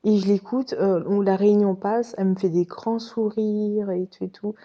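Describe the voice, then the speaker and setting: A woman's voice: medium pitch, steady tone, moderate pace, mellow, lo-fi sound. A woman casually telling a personal story to her viewers, chatty and direct. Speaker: vlogger recounting her past.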